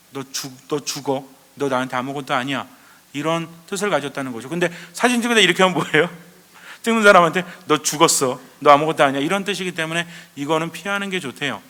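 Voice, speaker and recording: Bright-voiced priest in an echoing hall. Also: male voice, a little high. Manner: lively storytelling with rhetorical questions. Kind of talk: Advent lecture sermon.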